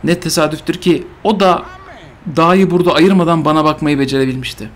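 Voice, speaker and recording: A man's voice: on the high side, steady tone, brisk. A man reading a story aloud and mocking it, sarcastic and mock-solemn, repeating lines for comedy. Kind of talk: mocking dramatic reading with game chatter.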